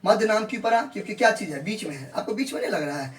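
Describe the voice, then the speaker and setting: With slight background noise, a man with a high, expressive voice teaches biology very fast in a classroom manner. Showing the students a real leaf, he repeats his points, answers his own questions, and coaxingly calls them "babu log."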